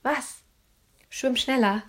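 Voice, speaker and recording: A brave little girl calls out in a high, breathy voice, pressing and urgent, as a woman reading a storybook voices her. She is quick and a bit bossy, and her soft, airy tone carries through every line.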